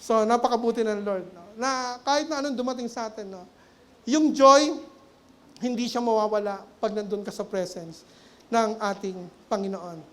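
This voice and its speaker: A middle-aged Filipino man preaching a lively, humorous sermon in a church, who keeps tagging his phrases with a questioning word. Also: high-pitched, normal speed. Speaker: lay preacher. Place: church sanctuary.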